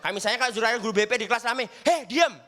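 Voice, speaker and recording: A man's voice: very high-pitched, fairly even intonation, rapid-fire, sharp tone. A young man doing a stand-up comedy set on a studio stage, chatty and always checking with the crowd. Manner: chatty, keeps asking the crowd for agreement. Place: studio stage with live audience.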